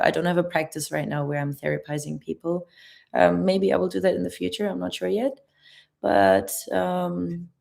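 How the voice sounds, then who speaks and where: A woman's voice: lowish voice, vocal fry. A young woman with a German accent, a travel vlogger answering chat questions on a live stream in a chatty, laughing, careful way.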